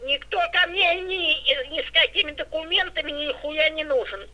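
A woman's voice: high voice, normal speed, pushed and bright. An older woman on a phone call, blunt, suspicious and swearing constantly. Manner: foul-mouthed, suspicious and blunt. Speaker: prank call target. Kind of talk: phone conversation. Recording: tinny phone line.

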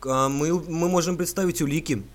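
A man making a prank phone call, talking in a deadpan, mock-earnest way and stumbling over words. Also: a little high, fairly quick. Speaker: prank caller.

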